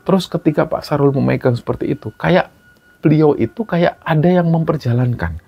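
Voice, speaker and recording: A man's voice: fairly high pitch, animated, fairly quick, vocal fry, slightly rough. A man narrating a supernatural story casually, in a conversational retelling. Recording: dull lo-fi recording.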